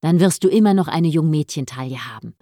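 A woman voicing an eager, adoring young man who is overjoyed to marry, speaking warmly and tenderly, in an audiobook. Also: low voice, animated, a little fast, no echo, clean studio sound. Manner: warm and tender.

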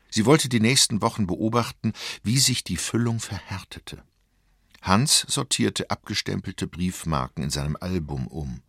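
A man narrating a literary story in a measured, expressive reading. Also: sits low, gravelly, no room sound, studio quality.

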